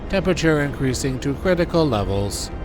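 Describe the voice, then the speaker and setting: A man putting on a robot voice for a dutiful male control terminal, speaking in clipped monotone announcements. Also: mid-range voice, brisk, noisy background. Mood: robotic. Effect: robot voice done by mouth, no filter. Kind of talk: voicing game dialogue while playing.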